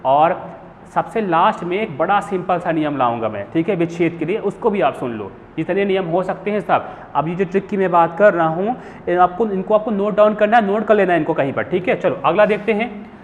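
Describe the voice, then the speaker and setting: A man's voice: sits high, animated, a little fast. A young man teaching Hindi grammar in a classroom lesson, asking questions and answering them himself. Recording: phone-like hall echo with faint hiss.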